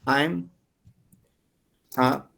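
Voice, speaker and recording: Teaching English online in Spanish, this Peruvian university professor, a man in his forties, repeats model phrases slowly so learners can follow. He has a mid-range voice that is gravelly and a bit bright.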